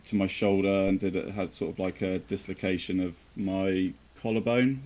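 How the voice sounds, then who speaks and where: A man with a rural West Country English accent speaks in a low, fairly even voice. He chats informally and self-deprecatingly, feeling his way through his sentences. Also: moderate pace. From southwest of England. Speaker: podcast guest. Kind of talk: casual chat.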